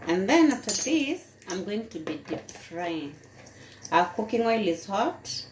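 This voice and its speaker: A woman with a Kenyan accent narrating a home cooking video step by step in a relaxed, casual way, recorded in her kitchen. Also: medium pitch, a little slow. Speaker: cooking vlogger. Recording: echoey kitchen with background noise.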